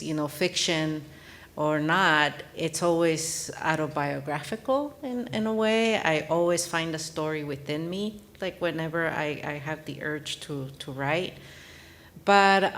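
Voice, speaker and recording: Her deep voice carries a bit of brightness. She is a woman from Mexico, a native Spanish speaker, who joins a live panel as an author guest and speaks in an earnest, reflective manner, frequently starting over.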